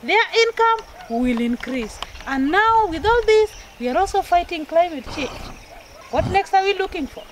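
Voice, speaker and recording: A woman's voice: very high-pitched, animated, moderate pace, a little hiss or hum, low-quality recording. A middle-aged woman presenter outdoors on a farm, earnestly summing up and urging viewers. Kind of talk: persuasive summing-up to camera.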